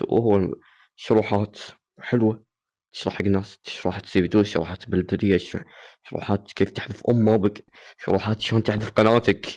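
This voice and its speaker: Man, low-pitched, dark voice, playful teasing tutorial host. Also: dull audio. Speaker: gaming channel host. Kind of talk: casual joking tutorial.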